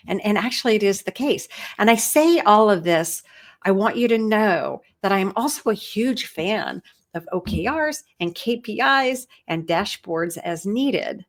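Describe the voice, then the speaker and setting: A woman leadership coach giving a reflective talk over shared slides, often posing rhetorical questions. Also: mid-range voice.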